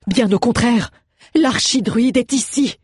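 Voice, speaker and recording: A woman voicing an arrogant male royal counselor in an audiobook, loud and indignant. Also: on the low side, moderate pace, slightly rough, no room sound, clean studio sound. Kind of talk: audiobook character voice.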